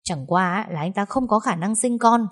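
A woman voicing a sharp-tongued, defiant young daughter-in-law in an audiobook story. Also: mid-range voice, lively intonation, fast talker, natural voice. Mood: defiant scorn. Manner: cutting, defiant.

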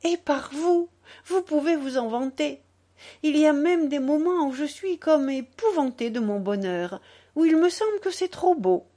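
A woman reading a novel aloud, voicing a radiant young society lady who speaks with bright, gushing effusion. Her voice sits well above the narration and swings widely in pitch, with an unhurried, lingering pace. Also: big pitch swings, exaggerated voice. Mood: effusive joy. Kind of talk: audiobook character reading.

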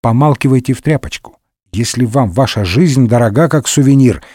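A man's voice: mid-range voice, normal speed, dark tone, breathy edge, no room sound, studio quality, lightly acted. A man voicing a scheming, sardonic middle-aged cardinal in a comic audiobook, wry and condescending. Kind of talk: audiobook character voice.

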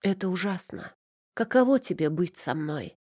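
Woman reading as frightened tearful young wife, halting pleading delivery, low warm voice, dry close sound. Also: expressive, husky, no room sound. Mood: despairing.

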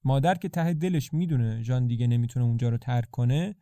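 A man narrating the story of a play in a calm, conversational retelling. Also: medium pitch, no echo, studio quality.

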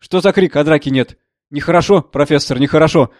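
A man's voice: fairly high pitch, fairly quick, a little mellow, no echo, studio quality, natural voice. A man voicing a burly, insolent man who talks down with sneering politeness. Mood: mocking. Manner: sneering, condescending.

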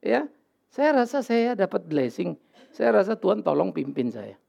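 A man's voice: sits high, sing-song, measured pace, creaky, darkish tone, highs cut off. An older man from North Sumatra preaching a sermon, telling personal stories with acted-out dialogue and dropping English words into his talk. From North Sumatra, Indonesia. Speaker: pastor.

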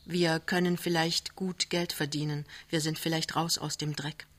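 Woman reader doing a soft, desperate young wife; storybook, plain voice. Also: medium pitch, moderate pace, lightly acted. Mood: gentle. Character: young working-class wife, tender, desperate.

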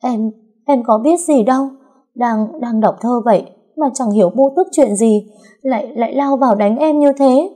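A woman voicing a sharp-tongued, scheming young wife who taunts in sing-song rhymes and wails theatrically. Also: mid-range voice, animated, normal speed, breathy edge. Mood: stammering.

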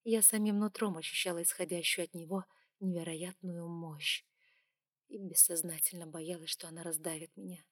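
A woman reading a first-person romance audiobook in a steady, measured, intimate way. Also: lowish voice, dry recording, clean studio sound. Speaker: audiobook narrator.

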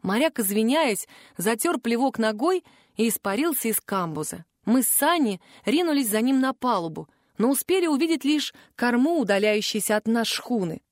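A woman narrating a fantasy audiobook in the first person, in a lively, expressive way. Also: on the high side, normal speed, dry recording, clean studio sound.

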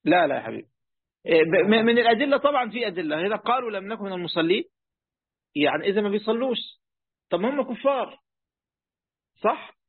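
With an Egyptian Arabic accent, a Quran commentary teacher walks students through a text, chatty, using many fillers and asking them questions. His high voice swings widely in pitch, moves fast with frequent pauses and has a breathy edge. The audio is dry, narrow and tinny.

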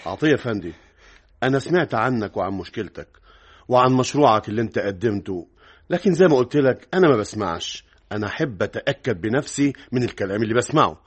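A stern Egyptian boss. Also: male voice, medium pitch, animated, fast, breathy edge. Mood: explaining. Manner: firm, questioning, authoritative. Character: stern male director-general, probing boss. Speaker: department director Mohsen Bey. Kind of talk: Egyptian radio drama acting. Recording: old radio broadcast recording.

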